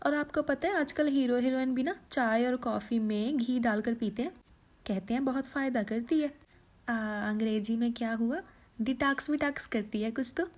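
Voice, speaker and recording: A woman's voice: fairly high pitch, moderate pace, lightly acted. A woman voicing a cheerful, careless young daughter-in-law in a cartoon story. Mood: chirpy. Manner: bright, chirpy, excuse-making.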